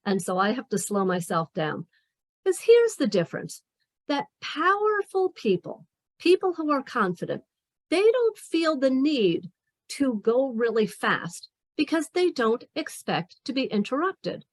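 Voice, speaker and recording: Animated New woman coaching. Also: unhurried. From New York. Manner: animated, emphatic, acts out examples with shifting pitch. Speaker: career coach. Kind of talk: webinar presentation. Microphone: video call.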